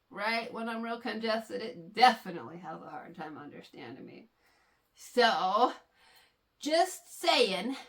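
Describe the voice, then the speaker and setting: This woman's voice is on the high side with a fairly bright tone. Somewhat stuffed up from allergies, she talks to her knitting viewers in a relaxed way, patiently walking through things and using lots of fillers.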